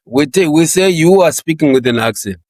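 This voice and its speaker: A man from Zimbabwe in his sixties, talking about his career in a relaxed interview, laughing often and repeating words as he gets going. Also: a little high, a little fast, no room sound. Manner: chatty, laughs often, repeats words when starting sentences. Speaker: interview guest.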